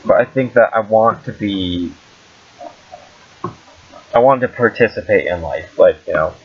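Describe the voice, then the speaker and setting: A man's voice: on the low side, expressive, unhurried, husky. A young American man co-hosting a podcast in casual group chat. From Wyoming, USA. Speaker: podcast co-host. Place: outdoors in a park. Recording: dull lo-fi amateur recording.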